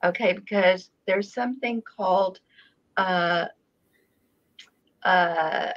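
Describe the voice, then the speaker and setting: Chatting casually over a video call, this Hebrew-speaking woman raised in Israel hosts her channel from a home room where a framed painting hangs. She has a fairly low pitch and an unhurried delivery dotted with pauses and fillers. Sound comes through a webcam, dull and lo-fi.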